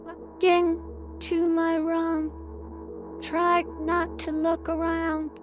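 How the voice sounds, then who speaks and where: A woman's voice: extremely high pitch, monotone, extremely slow, lo-fi sound, over music. A woman playing a horror game, her voice run through a robotic auto-tune filter, commenting and reading the game's text aloud in a sing-song way.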